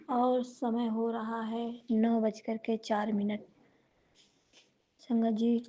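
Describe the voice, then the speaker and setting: A woman sharing a devotional testimony, speaking slowly and reverently and chanting mantras. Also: fairly high pitch, dark tone, dull audio.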